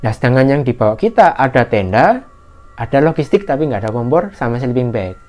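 A man telling a mountain story in casual conversation, acting out the shouted lines of others in a raised voice. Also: a little fast. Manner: animated, acts out shouted quotes in a higher voice. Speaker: guest storyteller. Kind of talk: casual spoken horror story.

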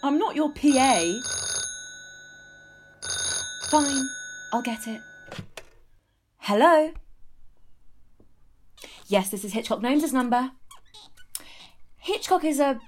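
A woman's voice: fairly high pitch, unhurried, long pauses. Woman acting as an earnest young trainee detective. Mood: eager, helpful. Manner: earnest, expressive, exasperated. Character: eager, punning young female trainee detective, sensitive and forthright. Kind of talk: comic audio drama acting.

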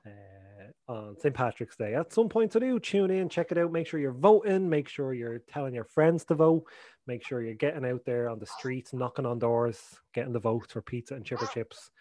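A man's voice: medium pitch, mellow, no echo. A man co-hosting a podcast in casual, rambling chat full of fillers and jokes. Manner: rambling, filler-heavy, jokey. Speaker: podcast co-host.

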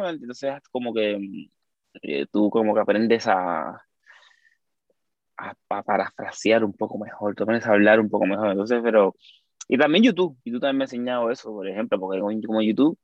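A man's voice: fairly low pitch, no echo, dull audio. A man from Cuba with a Cuban accent, a guest talking casually in an interview and often tossing in tag questions. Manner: animated, lots of tag questions. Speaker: guest, YouTuber.

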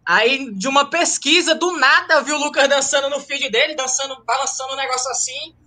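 A crowd can be heard behind this man as he talks briskly in a very high-pitched voice. Originally from Rio and raised in Ceará, he has a Ceará accent and, in a casual interview over a call, gives a slangy, joke-filled account of founding his running humor group, tacking on tag questions throughout.

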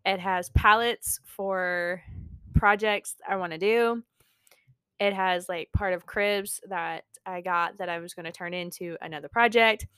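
Smooth-voiced woman rambling about her craft business. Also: fairly low pitch, fairly even intonation, measured pace, fairly bright tone, dry recording, clean studio sound. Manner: rambling, self-interrupting and frank. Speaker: small craft business owner. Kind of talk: casual personal vlog.

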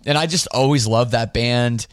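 A man from Canada hosting a podcast, answering listener questions in a relaxed, rambling way with lots of fillers. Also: mid-range voice, moderate pace, no room sound, clean studio sound. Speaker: podcast host.

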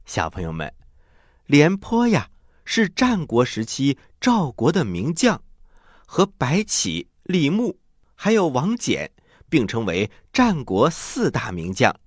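A man hosting a children's story show, telling tales expressively and pausing to explain things to young listeners. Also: mid-range voice, huge pitch swings, no echo, clean studio sound. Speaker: host and storyteller.

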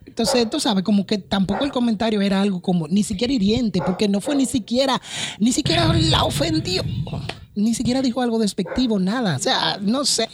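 A woman's voice: medium pitch, a little fast, hardly any pauses, noisy background. A woman co-hosting a casual podcast chat, emphatic and often repeating her phrases while she thinks. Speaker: podcast co-host.

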